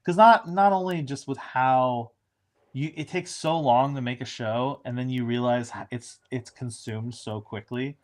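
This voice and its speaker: A man's voice: mid-range voice, unhurried. A man, a showrunner, chatting casually in an interview, rambling with frequent restarts and fillers.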